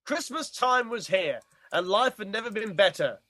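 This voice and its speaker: A man's voice: high-pitched, expressive, moderate pace, bright, forceful tone, no echo. A man co-hosting a podcast, playfully reading a comic story aloud. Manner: playful, does accents. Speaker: podcast co-host.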